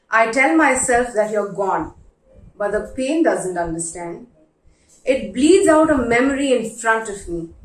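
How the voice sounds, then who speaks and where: A woman giving a dramatic literary reading of letters, measured and pausing for emphasis. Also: on the high side. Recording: roomy echo, distant from microphone.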